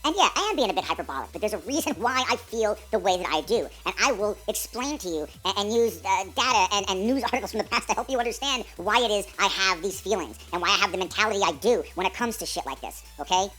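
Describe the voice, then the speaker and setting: A man's voice: high voice, animated, fast talker, few pauses, sharp tone, faint music behind. A man with a scratchy throat ranting emphatically about his views as a gaming commentator, swearing heavily. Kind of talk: opinionated rant.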